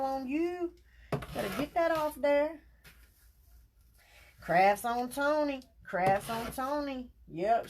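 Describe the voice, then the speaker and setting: Over a noisy background, a woman with a fairly high voice crafts live and chats folksily with her viewers, addressing them directly in a casual tone.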